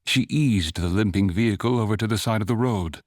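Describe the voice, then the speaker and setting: A man narrating a fantasy short story in a measured, even storytelling manner. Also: on the low side, no echo, studio quality, natural voice. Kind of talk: scripted audiobook narration.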